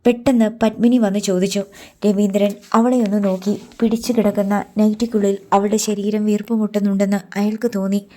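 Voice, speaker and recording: Mellow-voiced woman narrating an audiobook. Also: medium pitch, little pitch movement, fairly quick. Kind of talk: scripted story narration.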